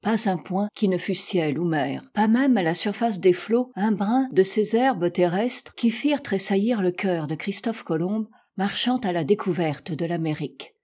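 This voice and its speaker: A woman narrating a classic adventure novel as an audiobook, measured and expressive, with dramatic rises in her voice. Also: mid-range voice, slightly rough. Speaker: audiobook reader.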